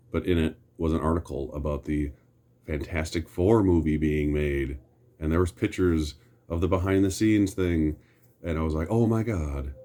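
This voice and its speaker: A man's voice: extremely low pitch, a little mellow. A middle-aged American man giving casual, rambling commentary in an opinionated, grumbling back-in-my-day rant with some mild swearing. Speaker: host reminiscing about superhero films.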